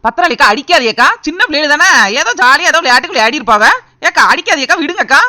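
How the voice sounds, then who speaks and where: Woman as playful cartoon aunt, Tirunelveli Tamil, quick, high. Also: animated, no room sound, clean studio sound. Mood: pleading. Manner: loud, playful, coaxing. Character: meddling playful village aunt. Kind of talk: cartoon voice acting.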